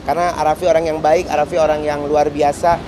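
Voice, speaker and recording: A man with a notably high voice gives halting interview answers full of fillers. Clear city noise is heard behind him. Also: flat delivery. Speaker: celebrity friend interviewed. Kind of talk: street interview.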